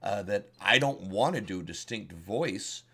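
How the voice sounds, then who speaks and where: A man's voice: on the low side, lively intonation, measured pace, gravelly, bright, forceful tone, husky. A man with a Southern US accent, a dungeon master giving casual, rambling advice and often repeating words as he searches for them. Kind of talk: casual instructional talk.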